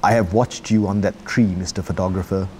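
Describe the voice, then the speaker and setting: A man reading aloud the lines of a shapeshifting dead priest spirit, in a quiet, knowing tone. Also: low voice, steady tone, fairly quick, a little hiss or hum, close to an everyday voice. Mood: ominous. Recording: long hall reverb.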